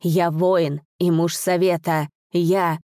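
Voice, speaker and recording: A haughty old nobleman cries out in indignant, declaiming tones, voiced by a woman reading the story. The voice is warm and mellow. The sound is dry and close. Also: fairly low pitch, level tone, slow, no room sound. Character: proud aging nobleman, haughty then despairing.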